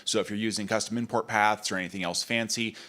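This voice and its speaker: Male co-presenter, low-pitched, bright and forceful, fluent technical answers. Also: steady tone, fast talker. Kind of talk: technical explanation.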